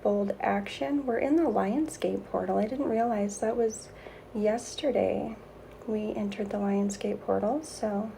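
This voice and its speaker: A woman speaks in a soft, breathy voice, gently and meditatively guiding an energy healing session as the host. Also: a little high, a little hiss or hum. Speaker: Reiki healer and host.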